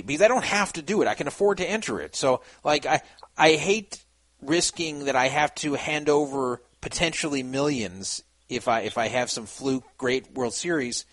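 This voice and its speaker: A man's voice: mid-range voice, a bit bright, poor audio. A man hosting a casual podcast chat, rambling with many restarts and fillers. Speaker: podcast host.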